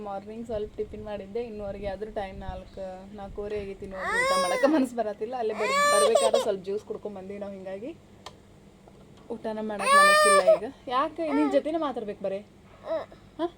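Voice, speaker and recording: A woman's voice: mid-range voice, very animated, fast, heavy background noise. A young woman with a North Karnataka Kannada accent, narrating a casual daily vlog to viewers and coaxing her sick child in a raised, singsong voice. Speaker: vlogger, mother of a sick child. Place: home and juice shop.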